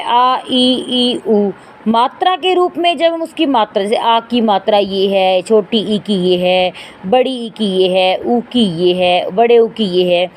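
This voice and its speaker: A woman's voice: medium pitch, a little mellow, a little hiss or hum. A woman teaching a grammar lesson to students, spelling out sounds one at a time and often checking in with them. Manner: often checks in with "theek hai" and "dekhiye". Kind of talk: online Hindi grammar lesson.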